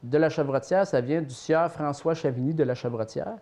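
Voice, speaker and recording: A man speaking with a Québécois accent shares family tales as a guest in a relaxed interview. His voice sits a little high, and his delivery is lively and anecdotal, with a playful storyteller's touch. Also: fairly quick. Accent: Québécois French. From Saint-Tite, Mauricie, Quebec.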